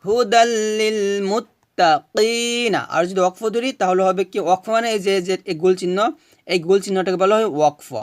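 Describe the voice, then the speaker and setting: High, smooth man teaching recitation. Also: fairly even intonation, no echo, studio quality. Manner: slow, drawn-out chanting of verses between patient explanations; asks students questions and answers them himself. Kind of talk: recitation lesson.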